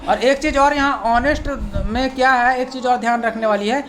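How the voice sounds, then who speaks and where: A woman's voice: sits high, steady tone, slight background noise. Patient woman teaching a language lesson. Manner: explains slowly, repeats every point, checks in often; reads example sentences slowly, word by word. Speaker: English teacher.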